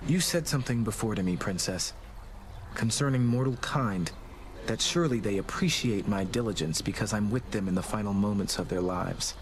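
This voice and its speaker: A man's voice: lowish voice, slight background noise, lightly acted. A man voicing a grave, courteous doom god. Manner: formal, measured, grave. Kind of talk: video game voice acting.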